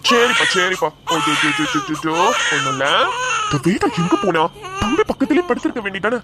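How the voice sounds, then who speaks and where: A woman's voice: mid-range voice, huge pitch swings, a little fast, heavy background noise, pitched below the performer's own voice. A woman voicing a fretful young dad. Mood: worried. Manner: anxious, fussing, searching for his wife. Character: worried young father hushing a crying baby.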